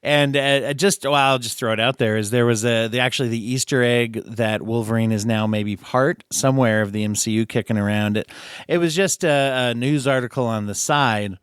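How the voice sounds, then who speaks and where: A man's voice: medium pitch, fairly even intonation, normal speed, smooth, no echo, studio quality. A middle-aged man hosting a casual podcast discussion, chatty, laughing often and restarting his sentences. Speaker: podcast host.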